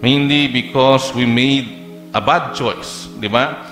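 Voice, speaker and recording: A man with a Filipino accent preaching a conversational sermon, pausing on fillers and putting questions to the congregation. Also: medium pitch, steady tone, a bit bright, faint music behind. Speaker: pastor. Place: church hall. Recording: echoey church hall.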